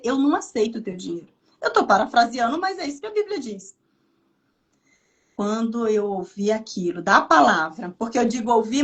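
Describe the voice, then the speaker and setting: A woman from Brazil, a missionary guest on a podcast, telling a lively personal faith testimony and acting out her own inner dialogue. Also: high voice.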